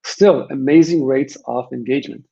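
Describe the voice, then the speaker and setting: A man with an Israeli accent, presenting a webinar on behalf of a software vendor, speaks at a moderate pace in a medium-pitched voice that is creaky and mellow. Conversational but emphatic, he repeats phrases to stress his points. The recording is dull and band-limited.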